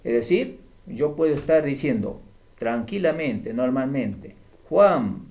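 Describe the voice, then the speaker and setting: A man's voice: medium pitch, lively intonation, measured pace, mellow. A man teaching a grammar lesson, explaining patiently and often checking in with short "mm?" tags.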